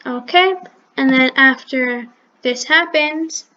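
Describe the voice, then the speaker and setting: A woman hosts a coding tutorial and explains each click as she goes. She talks unhurriedly in a high voice and often stops to correct herself. The recording sounds a little dull and lo-fi. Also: slow, bright, forceful tone. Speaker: channel host teaching coding.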